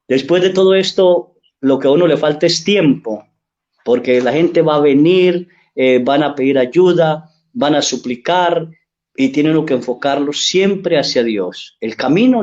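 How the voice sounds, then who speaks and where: Earnest Mexican priest preaching, slightly high voice. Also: male voice, darkish tone. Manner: earnest, pleading, tells stories, asks "¿sí?" often. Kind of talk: sermon. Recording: dull lo-fi recording.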